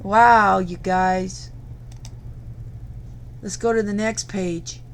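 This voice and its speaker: A woman's voice: medium pitch, steady tone, extremely slow, slight background noise. A tired woman hosting a crafting channel, talking casually to her viewers late at night. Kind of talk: casual tutorial talk to viewers.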